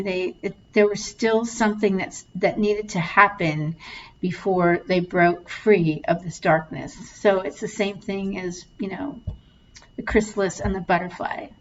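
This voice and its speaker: A woman's voice: medium pitch, lo-fi sound. A middle-aged woman leading a guided tapping session, chatting about her own life and laughing often as she talks.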